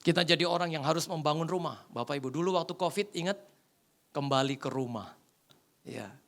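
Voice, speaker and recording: A man's voice: fairly high pitch, fairly quick. A male pastor preaching a humorous sermon, telling a story and acting out the voices in it. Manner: animated, acts out the voices in his anecdotes. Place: church.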